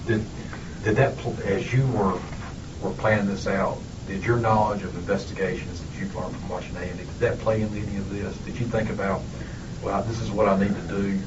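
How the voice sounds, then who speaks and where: Male detective, fairly low voice, conversational questioning, dull sound with noticeable noise. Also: flat delivery, fairly quick. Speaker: police interrogator. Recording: muffled, noisy police recording, distant mic.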